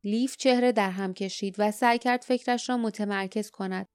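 A woman's voice: mid-range voice, fairly even intonation, clean tone, dry recording, clean studio sound. A woman narrating an audiobook in scripted storytelling style, sometimes giving characters' lines their own voices.

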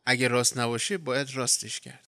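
Male reader as a cantankerous old man, stubborn, smooth clear tone. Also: mid-range voice, steady tone, sharp tone. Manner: stubborn, fault-finding. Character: quarrelsome nagging old man.

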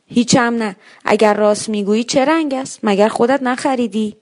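A stubborn eight-year-old girl, put on by a woman reading a story, pitched well above the reader's own voice. She talks in a whiny, insistent way, quick to accuse and refuse. The voice is raised and pushy. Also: lightly acted. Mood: indignant.

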